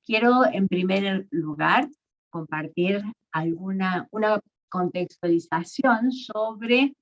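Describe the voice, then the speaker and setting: Woman, academic lecturer, unhurried, dull video-call sound. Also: medium pitch. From Argentina. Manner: measured, with fillers and self-corrections. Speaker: guest lecturer.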